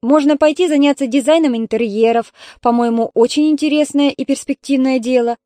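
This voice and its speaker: A woman's voice: high-pitched, brisk, warm tone, no echo, clean studio sound, voice pushed up, close to an everyday voice. A woman voicing an older retired mother, stubborn and reproachful, in an audiobook reading. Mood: scolding. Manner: scolding, indignant.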